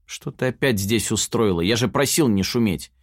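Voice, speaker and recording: A man playing a curly-haired male kidnapper who speaks softly and guiltily to his captive. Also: normal speed, dry recording, studio quality, natural voice. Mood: soft reassuring. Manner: low, gentle, subdued.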